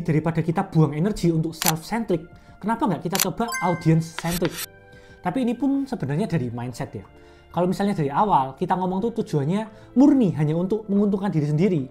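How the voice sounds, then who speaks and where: A woman's voice: fairly low pitch, dark tone. A young woman in a casual educational vlog, coaching public speaking in a chatty, step-by-step way. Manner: chatty and conversational, explains step by step.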